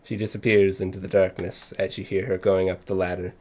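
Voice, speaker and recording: A man's voice: low-pitched, level tone, fairly quick, darkish tone. A man working as game master, improvising descriptive tabletop game narration in a conversational way.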